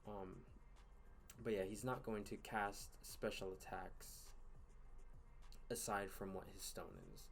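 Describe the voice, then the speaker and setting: A man hosting a gaming channel, giving casual commentary over gameplay late at night, tired and yawning, in a relaxed, rambling way with fillers and sighs. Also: fairly low pitch, slow pace, long pauses, a little hiss or hum. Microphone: voice-over recorded in one take.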